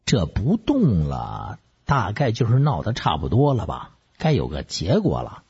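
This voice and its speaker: A man's voice: fairly low pitch, huge pitch swings, unhurried, creaky, darkish tone, slightly rough. A man telling a story in a vivid, dramatic storytelling style with asides to listeners. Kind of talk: Chinese storytelling narration. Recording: dull lo-fi recording.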